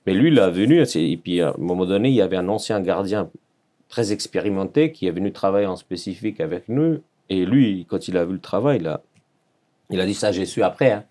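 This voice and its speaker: With a low, warm voice and a brisk delivery, a man in his forties from Serbia shares his personal story as a podcast guest. His French is earnest and Serbian-accented, and he often gropes for words and repeats phrases.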